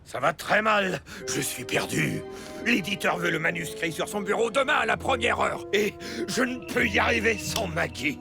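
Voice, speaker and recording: A man's voice: high-pitched, lively intonation, normal speed, creaky, over music. A man voicing a panicky, self-pitying cockroach novelist in a French cartoon dub, melodramatic and given to wailing. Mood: despairing.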